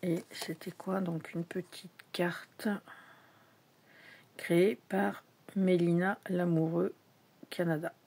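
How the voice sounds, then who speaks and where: A woman's voice: lowish voice, level tone, slow pace, gravelly, long pauses, darkish tone, slight background noise. A woman in a casual vlog, showing her tarot decks in a chatty, hesitant way with many fillers, sometimes dropping to a whisper. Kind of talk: casual show-and-tell vlog.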